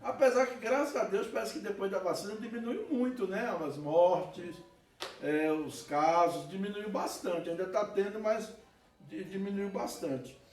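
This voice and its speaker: A man with a Brazilian Portuguese accent, a pastor preaching an animated sermon with laughter and asides. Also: sits high, measured pace. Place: church hall. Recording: echoey church hall, mic at a distance.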